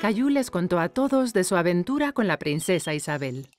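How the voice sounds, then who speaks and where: A woman storyteller with a slightly low voice and lively intonation narrates a children's story. Music plays along behind her. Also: fairly quick.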